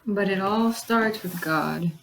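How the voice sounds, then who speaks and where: A woman chatting casually to viewers in a halting way, her hoarse voice giving out and breaking into whispers. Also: mid-range voice, a little hiss or hum, low-quality recording. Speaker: vlogger.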